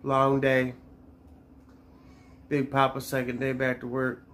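A man's voice: mid-range voice, monotone, slow pace, fairly bright tone, slight background noise. Laid-back young man on a family vlog. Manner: laid-back, teasing banter. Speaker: family vlogger. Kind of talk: casual family vlog chat. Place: living room couch, indoors.

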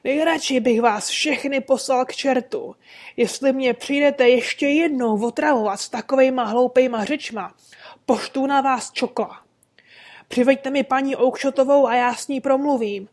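A woman's voice: sits high, a little mellow, pitched above the performer's own voice, natural voice. A woman reading an audiobook, voicing a furious, burly male market goose dealer who bellows coarse colloquial insults.

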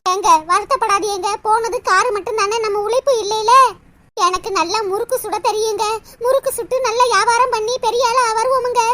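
Voice actor doing a very high-pitched young village wife, pleading and nagging, cartoon. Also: fairly even intonation, a little fast, bright, forceful tone, a little hiss or hum. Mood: encouraging. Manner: pleading, scolding then encouraging. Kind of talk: cartoon voice acting.

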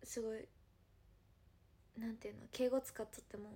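A woman's voice: a little high, flat delivery, mellow, slightly rough. A young woman from Hiroshima, speaking with a Hiroshima dialect, chatting casually and giggling as an idol on a livestream, answering viewer comments. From Hiroshima, Japan. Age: young adult. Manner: chatty, giggly, drawn-out musing.

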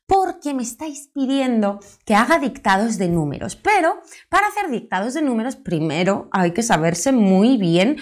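A young woman with a Spanish accent from Spain gives a chatty YouTube English lesson, stretching out her example words. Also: fairly high pitch. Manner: lively, chatty, drawn-out model words. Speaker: English teacher.

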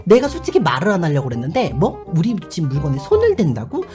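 An indignant middle-aged mother scolds a rude neighbor in a sharp, fast-building voice, as a woman storyteller acts her out. Her pitch rises and falls sharply as she piles on one complaint after another. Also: wildly swooping pitch, over music. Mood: scolding. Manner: sharp, scolding, rising outrage.

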